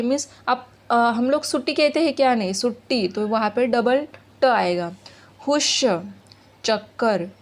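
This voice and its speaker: Woman teacher, slightly high pitch; patient, question-asking lesson delivery for kids. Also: darkish tone. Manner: explains patiently, reads words aloud and asks questions of the class. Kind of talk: explaining a school lesson to children.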